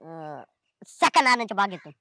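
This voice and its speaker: A woman's voice: mid-range voice, big pitch swings, measured pace, sharp tone, dry recording, clean studio sound, exaggerated voice. A woman playing a sly young village boy who stammers out excuses in a comedy skit. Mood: evasive.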